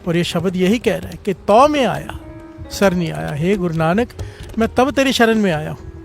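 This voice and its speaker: A man's voice: high-pitched, animated, moderate pace, vocal fry, soft background music. A man preaching a devotional sermon, telling a story and calling out refrains for the congregation to answer. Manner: calls out refrains for congregation response.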